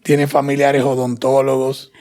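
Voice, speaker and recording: A podcast host from the Dominican Republic who asks slow questions and adds short encouraging remarks. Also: medium pitch, completely flat delivery, darkish tone. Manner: brief encouraging interjections and questions. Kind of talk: podcast interview.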